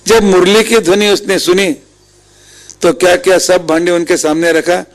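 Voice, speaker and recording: A man's voice: sits high, fairly even intonation, rough recording. A man with an Indian accent giving a devotional discourse, retelling scripture stories with quoted dialogue. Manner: storytelling with quoted dialogue, unhurried. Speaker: religious storyteller.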